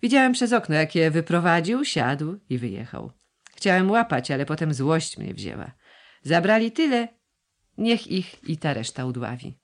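A man's voice: on the high side, sing-song, normal speed. Man reading grumbling old servant, gloomy, mournful, audiobook. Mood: angry.

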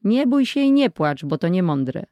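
A reader voicing a resourceful young boy in an audiobook, speaking calmly and reassuringly. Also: mid-range voice, normal speed, no echo, lo-fi sound, natural voice. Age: child. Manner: calm, reassuring, a little secretive.

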